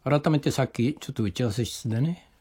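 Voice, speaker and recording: A man's voice: mid-range voice, quick pace, warm tone, slightly rough. An older man co-hosting a radio talk show, explaining things in a leisurely way with many fillers. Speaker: radio co-host. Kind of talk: relaxed radio chat about old songs.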